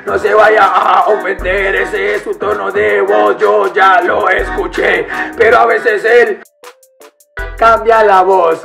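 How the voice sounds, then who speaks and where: A man's voice: sits high, vocal fry. A man raps teasing, mocking diss verses over a beat.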